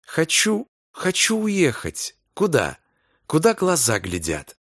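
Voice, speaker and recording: Frightened young wife, read by a man in a raised, pleading pitch. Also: wildly swooping pitch, slow pace, a bit bright, breathy edge, dry recording, clean studio sound, full character voice. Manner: pleading, breathless, fretful.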